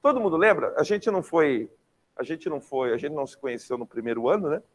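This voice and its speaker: Slangy, lively Brazilian male teacher. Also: a little high, quick pace. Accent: Brazilian Portuguese. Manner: lively, slangy, checks in with students often. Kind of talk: online class lecture.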